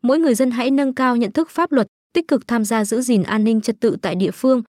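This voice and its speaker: A woman reading a formal public announcement in a measured, official manner. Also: a little high, a little mellow, no room sound, clean studio sound. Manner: measured, official read-out delivery.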